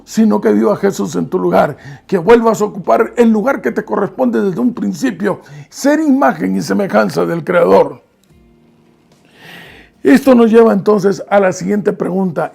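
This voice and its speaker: Man, preaching a sermon, high voice, heavy gravelly fry, husky, earnest scripture reading. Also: a little mellow. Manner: earnest, reads scripture aloud and pauses to explain it.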